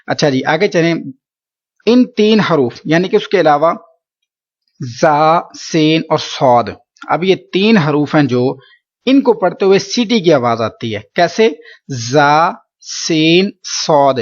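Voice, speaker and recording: Male recitation teacher, slightly high-pitched, patient and repetitive delivery, muffled lo-fi recording. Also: big pitch swings. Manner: patient, repeats points with "theek hai". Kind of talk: explanatory lesson.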